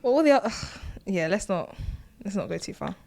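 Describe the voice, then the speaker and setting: A woman co-hosting a casual podcast, chatting in a wry, lively way and laughing often. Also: mid-range voice, moderate pace, gravelly. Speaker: podcast co-host.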